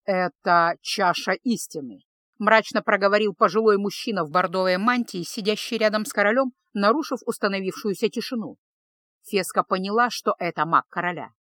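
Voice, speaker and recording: A woman narrates a fantasy audiobook in an even, unhurried reading voice. Her pitch sits in a middle range for a woman. The recording is dry and close, with no room sound. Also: no room sound. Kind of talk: scripted narration.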